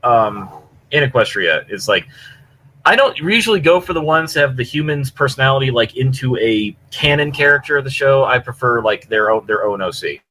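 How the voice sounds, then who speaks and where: Over push-to-talk online voice chat, a male podcast co-host rambles casually and enthusiastically through a review of stories, his mid-range voice expressive, pushed and bright at a normal speed. The computer-mic audio is rough, with clear background noise.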